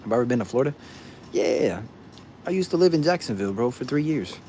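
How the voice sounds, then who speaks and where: A man's voice: mid-range voice, animated, fast, mellow, a little hiss or hum. A man answering viewers' questions in casual chat, blunt and profane, tossing "bro" into nearly every thought.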